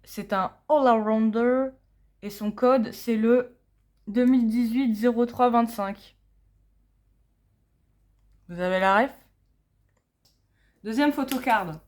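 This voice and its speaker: A young woman with a slightly high voice talks casually through an unboxing, full of slang. She reads English text slowly and haltingly. Her voice is captured on a phone indoors at home. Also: a little mellow. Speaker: unboxing vlogger.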